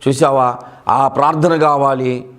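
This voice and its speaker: A man's voice: medium pitch, steady tone, a little slow, fairly bright tone, voice pushed down, natural voice. A man voicing a pastor who explains things to a church elder. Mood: instructive. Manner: instructive.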